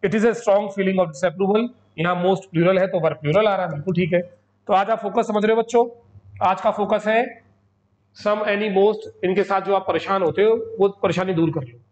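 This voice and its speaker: A high-voiced man teaches English grammar in a chatty, scolding way and often acts out his students. The recording is dull and lo-fi. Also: fairly even intonation, normal speed. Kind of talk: coaching lecture.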